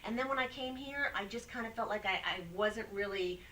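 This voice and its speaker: Woman guest, voice-over pro, bright lively storyteller, off-mic live-stream sound. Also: fairly high pitch, brisk, recorded from a distance, a little hiss or hum, rough recording. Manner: animated storyteller, acts out quotes. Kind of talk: casual interview chat.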